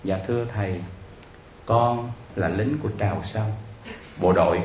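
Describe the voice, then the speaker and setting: A man's voice: on the low side, unhurried, a little mellow, reverberant, a little hiss or hum, voice pushed down, natural voice. A man playing a humble crippled young ex-soldier.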